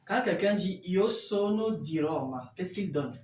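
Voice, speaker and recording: Explaining Italian in French to a class, this teacher uses a medium-pitched, slightly mellow voice with lively intonation and a measured pace, patiently repeating sample phrases. The sound is echoey and distant, with a little background noise.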